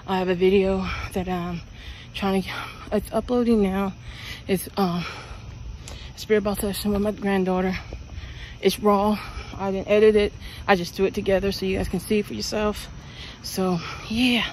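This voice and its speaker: Walking outdoors through the suburbs at night, a chatty middle-aged woman from Pennsylvania, US, rambles with plenty of fillers, phone held out and earbud mic in use. She has a mid-range, darkish, steady voice at normal speed, with slight background noise.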